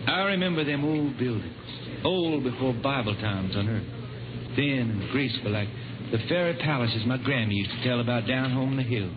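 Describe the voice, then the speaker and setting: An actor playing a worn-down, blind wandering space singer with a folksy drawl, in 1950s radio drama style, heard through an old AM radio broadcast. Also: male voice, medium pitch, normal speed, phone-quality sound, noisy background. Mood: wistful. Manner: folksy drawl, plain country grammar. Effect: old AM radio broadcast sound.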